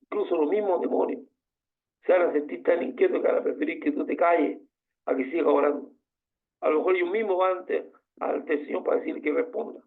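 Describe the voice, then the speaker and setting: A man's voice: fairly high pitch, fairly quick, vocal fry. A man preaching a sermon as pastor, passionate and full of rhetorical questions. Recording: tinny phone-like sound.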